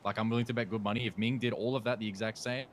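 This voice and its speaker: A man's voice: fairly low pitch, fairly even intonation, racing, slight background noise. A man reasoning through a group dispute in character, with lots of filler words. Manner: reasoning, filler-heavy, laid back. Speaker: roleplay gang member.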